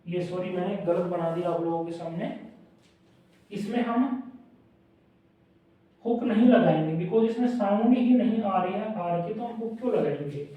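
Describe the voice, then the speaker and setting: A man teaching a shorthand class who says each word slowly, breaks it into syllables and repeats it as he writes. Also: sits high. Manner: slow, spells words out syllable by syllable and repeats them. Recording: echoey, dull, distant room recording.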